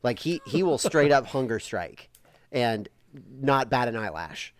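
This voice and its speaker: Dad telling stories with a dry sound. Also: male voice, mid-range voice, measured pace, dry recording. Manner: animated storyteller, acts out a toddler's shouting. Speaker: podcast co-host. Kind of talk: casual chat.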